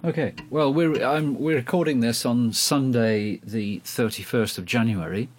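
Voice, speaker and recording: A man's voice: mid-range voice, unhurried. A man hosting a radio programme in a hesitant, self-deprecating, chatty way, speaking into a handheld recorder like a dictaphone. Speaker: radio host. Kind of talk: casual chat. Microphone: speaking into a recorder during a phone call.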